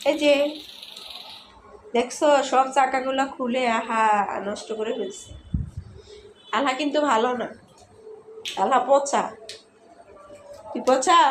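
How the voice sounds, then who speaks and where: A young mother with a hoarse voice from a cold, chatting casually to viewers at home and coaxing her small children. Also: sits high, slow pace, pauses often, a bit bright, a little hiss or hum. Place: home indoors.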